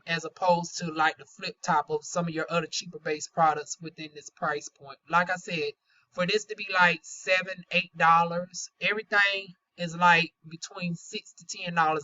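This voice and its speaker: A Southern American woman chats casually through a product review in a bright, forward voice. She has trouble pronouncing her R sounds and talks in a candid, folksy way peppered with slang. The recording is slightly dull and lo-fi. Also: on the low side, steady tone, moderate pace. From North Carolina, US South. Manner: folksy, candid, chatty with playful euphemisms and slang. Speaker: beauty vlogger, aesthetician.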